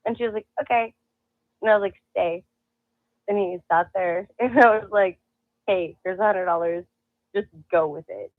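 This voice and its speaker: A woman's voice: mid-range voice, moderate pace, long pauses, no echo. A woman guest telling a story in casual chat, laughing often and acting out what people said. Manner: animated, laughing, acts out quotes. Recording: tinny phone-like call audio.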